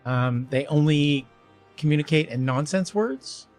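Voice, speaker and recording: A man running a tabletop game as game master, talking haltingly with many fillers. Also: on the high side, animated, darkish tone, soft background music. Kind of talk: describing a creature in a tabletop game.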